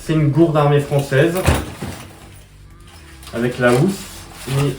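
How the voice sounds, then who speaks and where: A man chatting casually as he unboxes parcels, slangy and quick to exclaim at each find. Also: fairly high pitch. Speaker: collector unboxing militaria. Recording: echoey room, mic at a distance, noisy.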